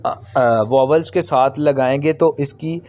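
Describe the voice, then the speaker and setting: This language lesson comes from a man whose voice is medium-pitched and a touch mellow. His teaching is repetitive and methodical, with vowels drawn out at length as samples.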